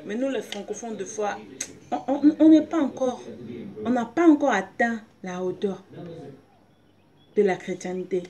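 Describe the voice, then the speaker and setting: A woman's voice: fairly high pitch, expressive, unhurried, pauses often, warm tone. A woman preacher in gives a personal, insistent sermon, repeating phrases and questions and often groping for words. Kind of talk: personal video sermon, exhorting listeners.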